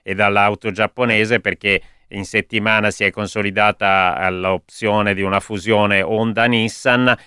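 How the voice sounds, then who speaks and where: A man giving live economic commentary on a radio show in an explanatory, measured way. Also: lowish voice, flat delivery, pushed and bright, smooth, no room sound, studio quality.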